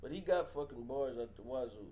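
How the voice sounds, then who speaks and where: A man's voice: mid-range voice, expressive, fairly quick, echoey room, a crowd in the background. A man hosting a casual group debate with blunt, slangy, opinionated ribbing. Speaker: show host. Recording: faint background noise.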